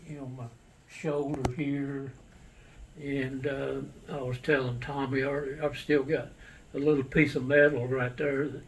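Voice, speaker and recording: An older man, a war veteran, casually recounting his memories in a halting, matter-of-fact, plain-spoken way. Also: medium pitch, little pitch movement. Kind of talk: casual personal storytelling. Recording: distant mic with faint background noise.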